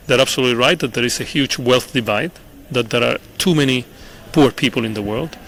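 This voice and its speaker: A middle-aged man from Chile, answering interview questions in an earnest, measured way with frequent pauses and repeated words. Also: medium pitch, fairly bright tone. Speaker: interview guest, international official. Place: conference venue.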